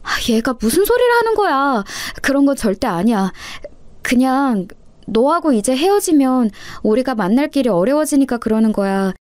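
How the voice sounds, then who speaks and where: Woman doing a serious little big-sister orphan, bossy but caring, kinda high voice. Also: sing-song, normal speed, no room sound. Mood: scolding. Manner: firm, gently scolding. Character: earnest young orphan girl, protective older sister.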